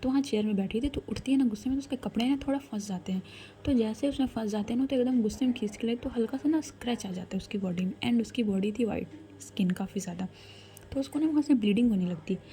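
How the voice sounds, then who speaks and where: A woman's voice: fairly high pitch, fast talker, warm tone. A woman telling a love story in a chatty, casual way, talking straight to her listeners. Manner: chatty, addresses listeners directly.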